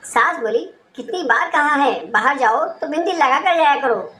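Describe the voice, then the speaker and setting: High-voiced woman reading jokes, roomy echo. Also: expressive, moderate pace, pushed and bright. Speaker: joke reader. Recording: roomy echo with faint room noise.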